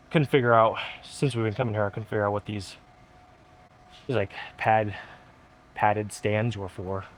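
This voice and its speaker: A man's voice: lowish voice, slight background noise. A man vlogging casually at the gym between sets, out of breath and restarting his sentences. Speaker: fitness vlogger. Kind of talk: casual gym vlog talk.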